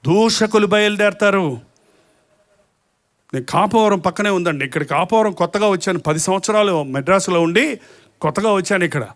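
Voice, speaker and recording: A middle-aged man preaches a sermon in a strikingly high voice. He moves between plain teaching and acted-out quarrels, changing his voice for each part. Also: normal speed, pauses often. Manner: lively preaching that acts out quarrels in different voices. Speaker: pastor.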